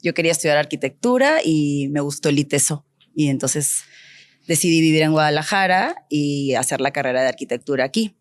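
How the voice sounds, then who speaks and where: A woman from Peru, a designer being interviewed, telling her story in a lively, candid way. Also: low voice, fairly quick, dry recording. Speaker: guest designer. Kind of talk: casual interview chat.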